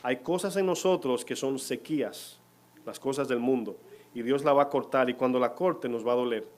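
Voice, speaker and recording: A man's voice: medium pitch, normal speed. A man preaching a sermon in church, putting questions to the congregation as he goes. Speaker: pastor.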